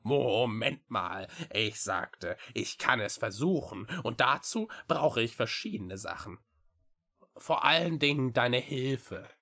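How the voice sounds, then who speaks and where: A man voicing an old female witch-like creature in a storybook reading, slow, drawling and theatrical. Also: medium pitch, lively intonation, sharp tone, full character voice. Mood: slow, firm.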